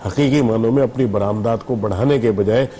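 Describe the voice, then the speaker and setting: A middle-aged man from Pakistan, a business leader guest on a TV talk show, arguing his case in a measured, explanatory way. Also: medium pitch, warm tone, slight background noise. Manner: measured, explanatory, argues patiently.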